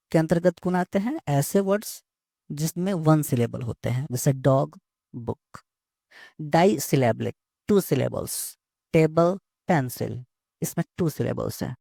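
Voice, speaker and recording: A male teacher explains slowly and steadily, often going back over the same words. His voice sits a little high for a man yet sounds dark and gravelly. It is recorded close up and dry. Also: no room sound. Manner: slow, repeats words and phrases while explaining. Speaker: English teacher. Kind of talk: bilingual lesson explanation.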